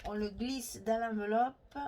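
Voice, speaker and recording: A woman's voice: on the high side, steady tone, a little slow, background noise. Chatty Provençal woman teaching crafts. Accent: Provençal French. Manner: talkative, thinks aloud and corrects herself mid-sentence. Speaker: scrapbooking tutorial host. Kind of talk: chatty step-by-step craft tutorial.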